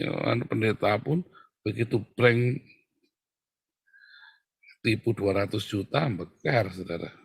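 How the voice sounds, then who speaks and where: A man preaches a lively, exclamatory sermon. His voice is gravelly and somewhat husky, sitting in a middle pitch. The sound is dry and close, with no room around it. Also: dry recording. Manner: animated, exclamatory preaching, addresses listeners as "brothers". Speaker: preacher who counsels pastors.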